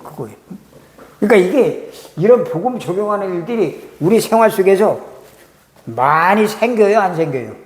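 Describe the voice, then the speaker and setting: A man's voice: high voice, animated, moderate pace. A man, a pastor, preaching a sermon and asking the congregation rhetorical questions. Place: church sanctuary. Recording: echoey church hall reverb.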